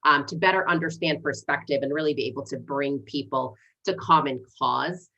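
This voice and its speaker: In a muffled recording, a woman with a deep, gravelly, sharp-toned voice speaks at normal speed. She is a city council candidate in her forties, Egyptian-born and raised in Canada and the US, who learned English as a second language, earnestly introducing herself during a livestream interview.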